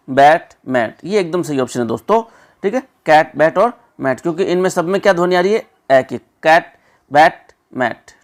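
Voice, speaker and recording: A man, teaching as an exam prep tutor and explaining the answers step by step. He keeps repeating words and checks in with his listeners again and again. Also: on the high side. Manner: repetitive, checks in with 'theek hai' and 'doston'.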